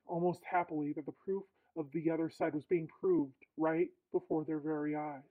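A woman reading a listener's dream account aloud through a voice changer that disguises her voice, in steady first-person storytelling. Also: deep voice, voice pushed down. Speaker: podcast host reading a listener's letter. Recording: tinny lo-fi processed sound.

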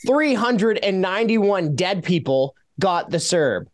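On a casual radio interview, a Canadian taxpayer advocate reels off figures in an animated, sarcastic manner. He has a high voice and takes his time speaking.

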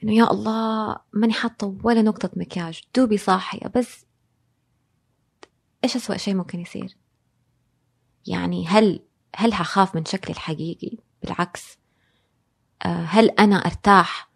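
A woman's voice: mid-range voice, fairly even intonation, brisk, gravelly, long pauses, husky. A woman, a guest in a casual interview, speaking reflectively and dropping English phrases into her speech. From Saudi Arabia. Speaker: guest, designer and blogger.

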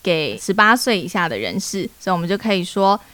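A young woman with a Taiwanese Mandarin accent co-hosting a podcast, explaining English sentences clearly and joking along. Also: lowish voice, big pitch swings, a little fast, a bit bright, dry recording. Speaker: podcast co-host teaching English. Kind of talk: casual chat with English lessons.

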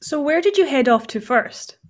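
Chatty Highland Scottish woman interviewer, higher-pitched. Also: animated, moderate pace. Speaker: interviewer, host. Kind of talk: casual conversational interview.

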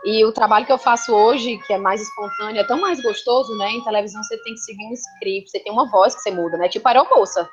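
A woman's voice: medium pitch, fast, few pauses, music in the background. A woman with a Cearense Brazilian accent, chatting playfully as a guest on a podcast, with teasing asides. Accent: Cearense Brazilian Portuguese. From Ceará, Brazil. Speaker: guest influencer. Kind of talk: casual podcast interview. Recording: dull lo-fi sound.

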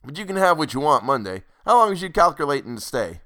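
A man's voice: a little high, big pitch swings, fast talker, bright, forceful tone, voice pushed up. A man voicing a shrewd, talkative old country innkeeper with a rural American drawl. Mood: jovial. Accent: rural American dialect. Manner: folksy, talkative, nosy. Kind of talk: audiobook character voice.

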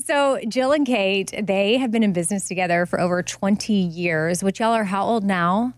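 Brief: woman in her 40s, chatty podcast host, close dry mic, mid pitch. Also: normal speed, dry recording. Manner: upbeat, chatty. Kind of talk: casual chat and read ads.

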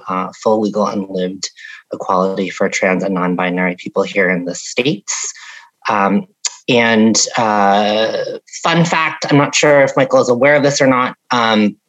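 A woman's voice: very deep voice, rough recording. A woman from upstate New York speaking on a panel in a thoughtful, hesitant way with many "um"s. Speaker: panelist, advocacy director. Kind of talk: panel discussion.

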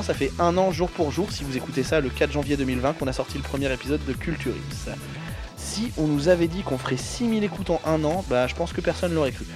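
A man hosting a podcast, talking casually and thanking listeners with loose fillers. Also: fairly high pitch. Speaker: podcast host. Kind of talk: casual podcast audio fiction and outro.

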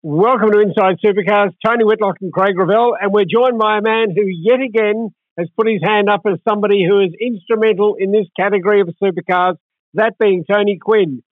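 A man's voice: high-pitched, fairly even intonation, a little fast. A man in his seventies hosting a conversational interview in a wordy way. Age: 70s. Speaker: interview host. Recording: thin, tinny phone-like line.

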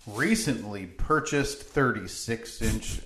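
A man's voice: on the low side, animated, slow pace, a bit bright, a little hiss or hum. A man chatting casually as a podcast co-host, in a poor-quality recording. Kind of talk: casual chat. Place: makeshift podcast studio. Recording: roomy echo, music underneath, poor audio quality.

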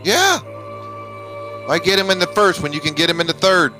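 A man's voice: sits high, very animated, normal speed, sharp tone, soft background music. A man on a sports radio panel, bantering casually in short, amused interjections.

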